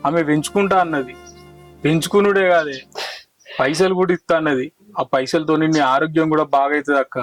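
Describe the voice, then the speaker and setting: In a village drama, an actor plays the younger brother and go-between, urgently persuading his family in a Telangana Telugu accent. His voice is fairly high and brisk, close to everyday speech, with soft music behind him.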